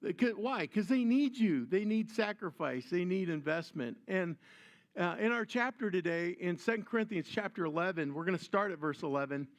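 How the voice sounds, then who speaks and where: An older man preaching a sermon, telling a family story with animated voiced asides. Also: sits high, normal speed. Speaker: pastor.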